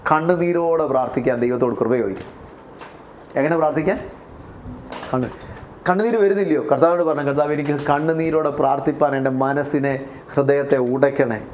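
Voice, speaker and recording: A man's voice: on the high side, darkish tone, a little hiss or hum. A man with a Malayali accent preaching a sermon as pastor, often putting questions to the congregation. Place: church.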